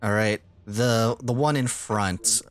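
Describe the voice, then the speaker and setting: A man's voice: lowish voice, steady tone, slow. Laughing man running a tabletop game. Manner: laughs often while narrating. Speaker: game master. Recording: faint music behind.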